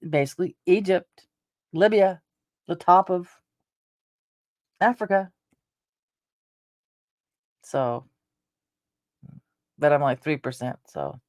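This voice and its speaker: A woman in her fifties chats unhurriedly, drifting from one thought to the next with plenty of pauses and restarts. Her voice is close and dry, with no room sound around it. She has an easygoing, offhand way of talking. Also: lowish voice, animated, a little mellow, dry recording. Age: 50s. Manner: meandering, with frequent hesitations and restarts. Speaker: channel host. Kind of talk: rambling casual chat.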